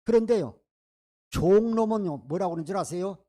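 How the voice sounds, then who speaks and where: A man preaching a sermon in a high-pitched voice. He is emphatic and often turns to the congregation with rhetorical questions. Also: animated, fairly quick, mellow. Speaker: pastor.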